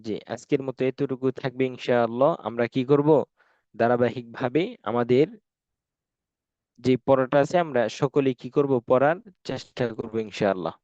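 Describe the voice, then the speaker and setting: A man teaching Quran reading in an online class, drilling sounds slowly and answering his own questions. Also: medium pitch, a little mellow, dry recording. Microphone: online call. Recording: dull, dry online class audio.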